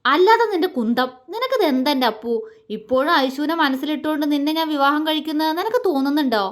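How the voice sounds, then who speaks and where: A man's voice: very high voice, fairly quick. A woman voicing a young newlywed husband who is teasing but caring, in a romantic story reading. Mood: exasperated. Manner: teasing, soft-spoken.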